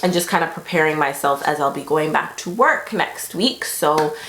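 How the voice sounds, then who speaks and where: A woman's voice: low voice, lively intonation, moderate pace, fairly bright tone, roomy sound, slight background noise, rough recording. A young woman giving a casual, rambling pregnancy update vlog, talking to viewers with many fillers. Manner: chatty, rambling, lots of fillers. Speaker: vlogger.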